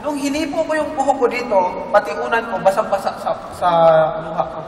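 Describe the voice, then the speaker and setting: A man giving an earnest, halting personal testimony to a group. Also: very high voice, lively intonation, a little hiss or hum. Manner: earnest, halting, with many restarts. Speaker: testimony speaker. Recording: echoey room, mic far off.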